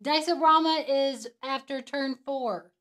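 A woman co-hosting a casual live stream, teasing her partner and quick to laugh. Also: high-pitched, a bit bright. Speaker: co-host.

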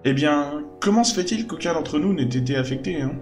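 A man's voice: a little high, lively intonation, fairly quick, soft background music, voice pushed up, close to an everyday voice. A man voicing a plain-spoken young woman adventurer who questions things indignantly in a video game. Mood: puzzled, pressing.

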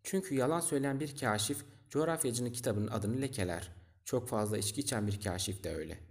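A man's voice: mid-range voice, a little fast, natural voice. Old storybook geographer, bookish, self-important, lecturing, a man reading him.

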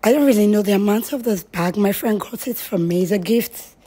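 A woman's voice: medium pitch, brisk, dark tone, slightly rough. Woman, 20s, from Nigeria, shy and giggly interviewee affecting an American accent. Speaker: street interviewee. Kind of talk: casual street interview.

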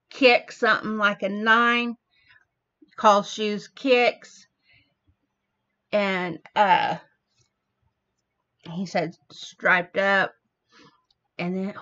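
A woman hosting a reaction video, slowly explaining the wordplay of a song line by line. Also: mid-range voice, pushed and bright. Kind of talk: casual commentary. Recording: dull lo-fi audio.

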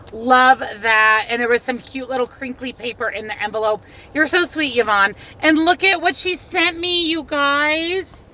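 This vlogger, an American woman in her thirties, talks to viewers from inside a car in a casual, gushing way. Her voice is high, bright and forceful, captured by a phone or camera held at arm's length.

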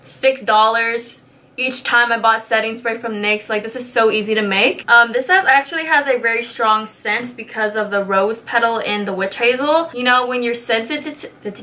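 Bubbly and full of slang, this twentysomething woman casually curses her way through a beauty tutorial in a small indoor studio. She is a beauty vlogger, and her mid-range voice sounds pushed and bright.

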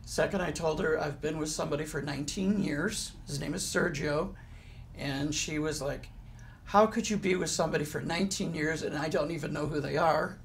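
A man in his forties telling personal family moments in a gentle, heartfelt way during a casual interview. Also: a little high, brisk, slight background noise. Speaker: interviewee, co-parent. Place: living room, sitting in an armchair.

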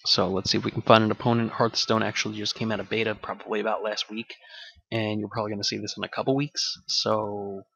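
A man's voice: lowish voice, flat delivery, quick pace, creaky, fairly bright tone, husky. A man hosting a gaming channel, talking casually over gameplay in a rambling, offhand way with casual swearing, on a desk mic that picks up the game audio. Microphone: desk microphone with game audio bleeding in. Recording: dull, dry home recording.

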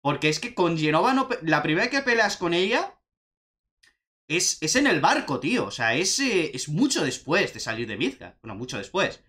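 A young man with a Spanish accent from Spain, chatting excitedly as he reacts to a video game trailer. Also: on the high side, moderate pace. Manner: excitable, chatty, says "tío" often. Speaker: gaming youtuber reacting to a trailer.

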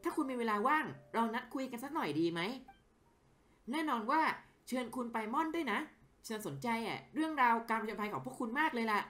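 Brief: upbeat young female journalist in a game, read by a man, lively and raised. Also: very high voice, a little fast, pitched above the performer's own voice, full character voice. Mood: eager. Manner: bright, eager and chatty. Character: cheerful young female newspaper reporter. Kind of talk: reading game dialogue aloud.

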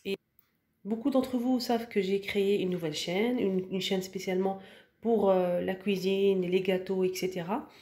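In a relaxed voice-over room tour, a woman with a medium-pitched, steady, warm voice shows her decor purchases at a moderate pace. She hesitates a lot, using fillers and restarting, and the audio carries room sound.

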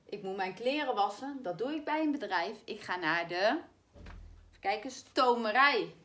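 A woman teacher with a Dutch accent giving a spelling lesson to primary pupils, saying words slowly and clearly so they can be spelled. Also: on the high side, a bit bright, a little hiss or hum. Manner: slow, clear, stretches words to spell them out.

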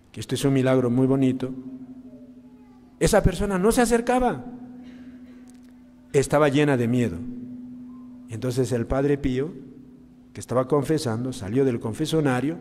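A man preaching a sermon as a priest, asking the congregation many questions, with big swings in loudness and pitch. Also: big-room sound, slight background noise. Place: church during mass.

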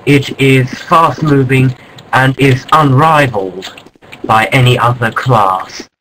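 A man narrating a mock nature documentary in a mock-serious, deadpan way, breaking into startled exclamations. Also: medium pitch, takes it slowly, a little hiss or hum, rough recording.

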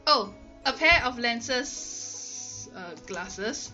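A woman's voice: fairly high pitch, lively intonation, very slow. A woman with a Singaporean accent thinking aloud and exclaiming casually as she plays a word game. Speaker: gamer hosting a let's play. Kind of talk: casual chat and reading aloud while playing a word game. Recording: muffled lo-fi audio with music.

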